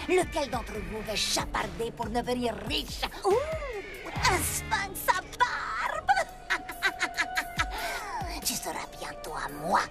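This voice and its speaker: Gravelly high cackling cartoon cat-thief baddie, swings all over the place, loud music behind. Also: female voice, big pitch swings, slow pace, exaggerated voice. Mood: gloating. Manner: gloating, cackling, theatrical. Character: scheming female cat thief villain, cackling. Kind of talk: French cartoon dub.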